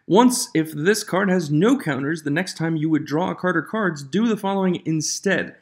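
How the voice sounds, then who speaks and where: Male online host, slightly high-pitched, casual and opinionated commentary, echoing room sound on a stand-in mic. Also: lively intonation, normal speed. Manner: informal, opinionated, reads card text aloud. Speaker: YouTube host of a trading card game channel. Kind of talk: casual news commentary to viewers. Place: echoing room outside the usual studio. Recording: echoey room, makeshift microphone.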